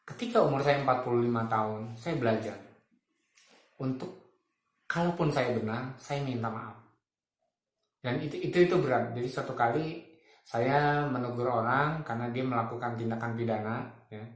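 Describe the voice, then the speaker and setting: A man's voice: medium pitch, normal speed, pauses often, roomy sound. A man in his fifties giving spiritual reflections in a casual, colloquial way, often chuckling as he makes his points. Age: 50s.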